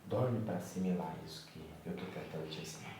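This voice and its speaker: Soft-spoken young father, roomy and distant. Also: sits low, fairly quick, noisy background. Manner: gentle, coaxing, moralizing. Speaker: vlogger and father. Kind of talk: talking softly to his baby son on camera. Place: home, at night. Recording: echoey room, voice from off-mic.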